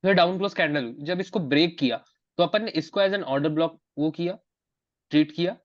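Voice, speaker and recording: A man with a fairly high voice leads a live trading class over an online call. He explains step by step and repeats his key phrases for emphasis. The audio is dry and slightly muffled. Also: normal speed, no room sound. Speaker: trading mentor.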